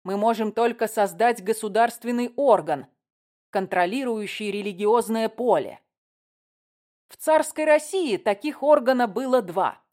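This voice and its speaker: A woman's voice: on the high side, unhurried, darkish tone, natural voice. A woman reading an audiobook, voicing a combative male official who argues in a raised, lecturing voice. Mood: heated, lecturing.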